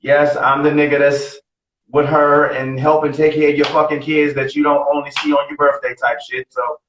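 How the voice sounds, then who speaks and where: A man's voice: on the high side, level tone, moderate pace, fairly bright tone, slight background noise. Blunt, profane man in his forties. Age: 40s. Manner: blunt, profane, repeats himself. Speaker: podcast co-host. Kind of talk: casual podcast chat. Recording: roomy, distant, dull lo-fi sound.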